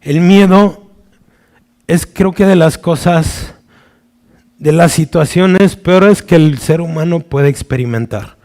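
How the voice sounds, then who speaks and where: A man preaching a sermon, slow and searching, pausing on restarts and checking in with his listeners, acting out the voices in the story. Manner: acts out quoted voices with sudden swings of pitch and loudness.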